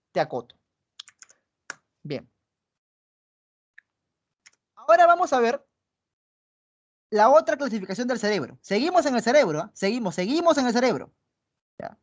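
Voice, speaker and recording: A woman with a Peruvian Spanish accent teaches a pre-university psychology class online, going step by step and checking in with students after nearly every point. Her voice sits on the high side, and the online class audio is dull and lo-fi.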